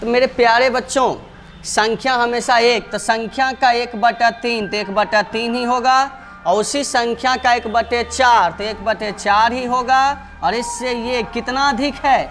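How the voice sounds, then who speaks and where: A man's voice: extremely high pitch, steady tone, measured pace, fairly bright tone, faint music behind. A male math teacher explaining problems step by step, going over each step twice and often calling his students dear children.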